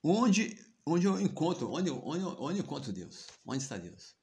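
A man's voice: fairly high pitch, big pitch swings, moderate pace, voice pushed up. A man with a Brazilian accent voicing a determined five-year-old prince, asking urgent questions. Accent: Brazilian Portuguese.

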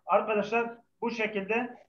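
A patient male language teacher leads call-and-response drills in a live lesson, his high voice level in tone, a bit bright, and at normal speed. Slight background noise is present. His microphone adds a heavy echo, making the audio dull and echoing.

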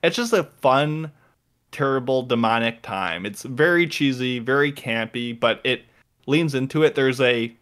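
A man's voice: medium pitch, measured pace, fairly bright tone. A man co-hosting a podcast, chatting casually and enthusiastically with lots of fillers. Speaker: podcast co-host. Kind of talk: casual chat, recommending an anime.

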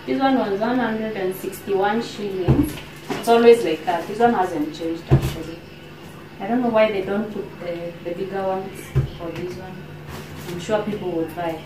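Kenyan woman in her thirties, casual vlog chat full of fillers and pauses, filmed from across a roomy kitchen. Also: medium pitch. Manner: chatty, unhurried, many fillers and pauses. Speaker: vlogger. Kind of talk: casual grocery haul vlog. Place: home kitchen, indoors. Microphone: camera on the counter, a few steps away. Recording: roomy kitchen, distant camera, background hiss.

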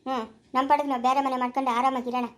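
A performer playing a reassuring young village husband in a rural family drama, talking in a soothing, steady way with a rural Chikkaballapura Kannada accent. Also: very fast. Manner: soothing, steady, low-key.

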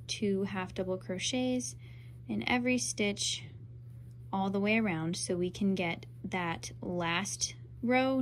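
With a mid-range voice and a bit of hiss or hum behind her, a young woman nasal from a cold chats casually through a crochet tutorial. She sounds upbeat and talks right over what her hands are doing.

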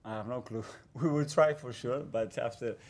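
A man in his forties, a football manager answering questions at a press conference in a measured, guarded way. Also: mid-range voice. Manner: measured, guarded, repeats phrases. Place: press conference room in front of a sponsor backdrop. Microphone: table microphone.

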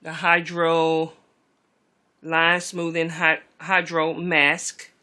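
A middle-aged woman with a deep voice speaks extremely slowly as she tidies her beauty room in a bedroom. She's a beauty vlogger, chatty and relaxed, talking to viewers as "y'all," and the camera mic recording her moves around.

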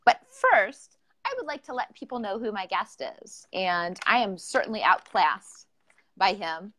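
A woman's voice: medium pitch, lively intonation, a little slow, a bit bright. A woman hosting a casual live-streamed podcast interview, talking in a chatty, enthusiastic way. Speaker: podcast host.

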